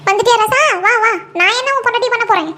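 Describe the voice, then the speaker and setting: A woman voicing a bossy, sharp-tongued older mother-in-law in a comic cartoon, scolding and taunting her family. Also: very high voice, fast.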